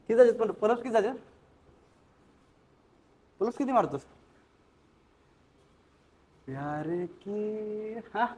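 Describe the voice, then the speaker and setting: A man's voice: high voice, dark tone, breathy edge. A man vlogging at the gym, energetically urging a friend through reps and counting sets. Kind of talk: casual gym vlog coaching. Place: gym indoors.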